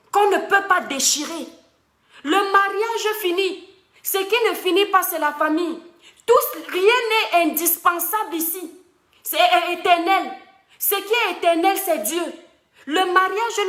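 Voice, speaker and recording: Emphatic high bright woman lecturing. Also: echoey room. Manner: emphatic and preachy, addresses listeners directly. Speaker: online advice host. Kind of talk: casual advice monologue to followers.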